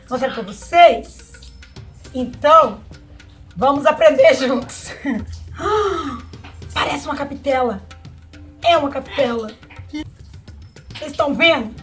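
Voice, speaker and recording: A Brazilian woman showing off plants she received, gushing with excited exclamations as she talks casually to her viewers. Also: high voice. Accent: Brazilian Portuguese. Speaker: plant vlogger. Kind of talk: casual unboxing chat.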